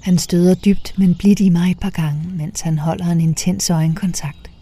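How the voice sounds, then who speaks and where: Low, mellow-voiced woman narrating softly. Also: steady tone, slightly rough. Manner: soft, half-whispered delivery. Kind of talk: first-person storytelling.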